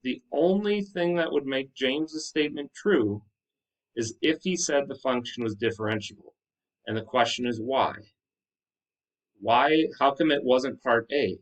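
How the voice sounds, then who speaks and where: A man's voice: mid-range voice, measured pace. A man teaching like a teacher to his class, explaining step by step in an instructive way and posing questions to check understanding. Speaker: high school math teacher. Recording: distant microphone.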